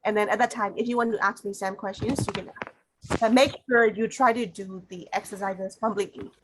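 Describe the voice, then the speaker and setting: A woman's voice: medium pitch, fairly even intonation, fairly quick, background noise. A woman teacher on a video call, patiently giving homework instructions and repeating the key points. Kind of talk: online class instructions.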